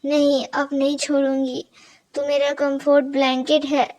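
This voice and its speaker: A woman's voice: sits high, monotone, unhurried, darkish tone, poor audio. A woman voicing a playful, clingy young woman who teases and wheedles her roommate. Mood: teasing. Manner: teasing, wheedling.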